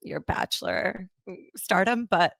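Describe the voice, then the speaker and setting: A woman's voice: mid-range voice, measured pace, vocal fry, no room sound. A woman podcast host in casual chat, telling stories animatedly and acting out what people said. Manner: animated storyteller, acts out quotes.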